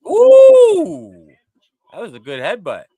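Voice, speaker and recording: A man with a New York accent co-hosting a wrestling podcast, chatting in an animated, joking way with some cursing. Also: fairly high pitch, fairly quick, no room sound, poor audio. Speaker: podcast co-host. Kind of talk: casual chat reviewing a wrestling show.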